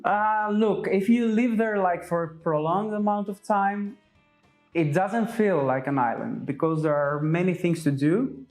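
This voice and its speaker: A Greek-speaking medical student in his 20s from Crete chats casually as a guest in a barber's chair, thoughtful and hesitant with many fillers. His voice sits high and is unhurried with a darkish tone, and faint music plays behind him.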